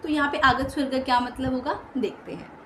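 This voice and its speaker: A woman's voice: high-pitched, fairly even intonation, a little fast, pushed and bright. A woman teaching an online grammar lesson, explaining patiently, checking in with her students often and mixing in English words. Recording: echoey room, faint background hum.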